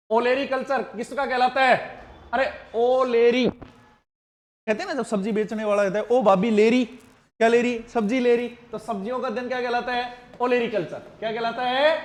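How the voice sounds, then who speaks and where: A male teacher in a live exam-prep class, quizzing students with repeated questions and jokey mnemonics, speaking with a lilt. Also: extremely high pitch.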